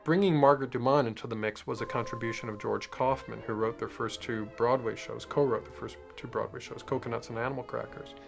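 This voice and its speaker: A man with a gravelly, mid-pitched voice explains film history in measured tones and restates his points as he goes. Faint music plays under his talk. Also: steady tone. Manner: measured, self-correcting. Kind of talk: informative commentary.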